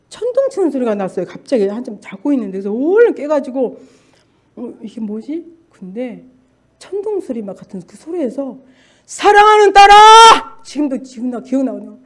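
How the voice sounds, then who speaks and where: A woman's voice: medium pitch, warm tone. An older woman, a church deaconess, telling her spiritual testimony in an earnest, fervent way and urging her listeners on. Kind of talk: emotional spoken testimony.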